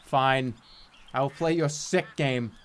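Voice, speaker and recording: A man's voice: medium pitch, slow pace, a bit bright, a little hiss or hum. A man giving casual, sweary gameplay commentary as a streamer, exasperated and sarcastic. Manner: exasperated, profane, sarcastic ranting. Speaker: video game streamer.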